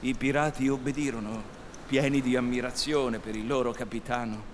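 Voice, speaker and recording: A man's voice: mid-range voice, fairly even intonation, normal speed, long reverb tail, a little hiss or hum. A man giving a dramatic, theatrical storybook reading on the radio. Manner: theatrical, varied delivery. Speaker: story reader.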